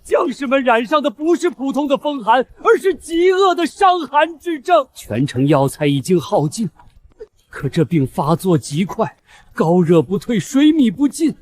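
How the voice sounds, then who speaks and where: A man's voice: very high-pitched, big pitch swings, slight background noise. Man playing a despairing old army physician. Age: older. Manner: halting, deferential, formal archaic speech. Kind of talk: historical drama acting.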